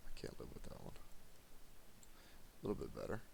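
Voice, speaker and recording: A tired man teaching math to his students in a recorded lesson, speaking in a monotone and addressing the class directly. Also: a little fast, a little hiss or hum.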